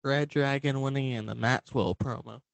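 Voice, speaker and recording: A man's voice: mid-range voice, fairly even intonation, moderate pace, creaky, no room sound, low-quality recording. A man co-hosting a podcast, giving short, terse replies in casual chat. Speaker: podcast co-host.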